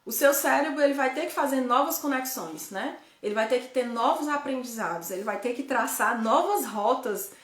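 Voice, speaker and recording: A woman's voice: sits high, lively intonation, moderate pace, hardly any pauses, roomy sound. A woman from Ceará, Brazil, with a Northeastern Brazilian accent, talking casually to viewers as a host, often tagging her sentences with questions and correcting herself as she goes. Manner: chatty, frequent tag questions, self-correcting. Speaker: host, guide living abroad. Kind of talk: casual live chat to viewers.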